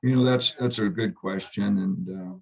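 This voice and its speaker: Middle-aged male coach, deep husky voice, halting postgame answers. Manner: halting, subdued, many fillers and restarts. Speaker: basketball head coach. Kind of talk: postgame press conference.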